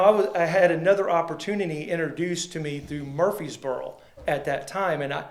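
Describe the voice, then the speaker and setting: A man, a sports photographer guest telling rambling, folksy stories and acting out quoted dialogue. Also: on the high side. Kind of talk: casual storytelling interview. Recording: roomy echo.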